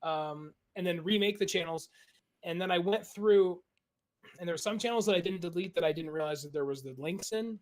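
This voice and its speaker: A man's voice: sits high, fairly quick, a little mellow. A man hosting a podcast, chatting casually, laughing often and explaining what he did. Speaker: streamer and podcast host. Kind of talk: casual chat.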